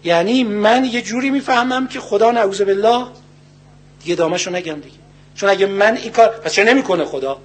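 An older cleric delivers an earnest religious sermon packed with rhetorical questions. His voice sits high, and he recites Arabic verses slowly.

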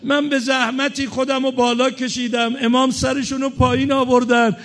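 A man's voice: very high voice, flat delivery. A man preaching a religious sermon, telling a story dramatically, voicing the people in it and sliding into chanted lament.

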